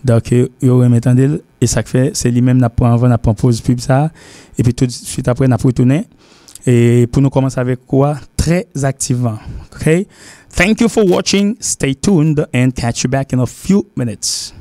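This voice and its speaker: A man's voice: medium pitch, normal speed, mellow, no room sound. A middle-aged man with a Haitian accent, an English teacher hosting a TV lesson, rambling, repeating himself and switching between languages. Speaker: English teacher and show host. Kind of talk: TV lesson talk.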